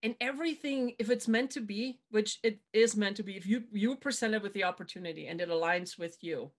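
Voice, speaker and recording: Fairly quick and medium-pitched, a middle-aged German woman hosts her podcast's motivational interview by video call. She uses a webcam in a home room with a dark backdrop and keeps emphasizing her key advice by repeating it.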